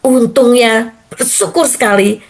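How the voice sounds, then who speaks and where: A woman's voice: a little high, measured pace. An older woman pastor, telling a personal testimony in a morning prayer sermon and often addressing her listeners directly. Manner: storytelling, addressing listeners as Bapak Ibu.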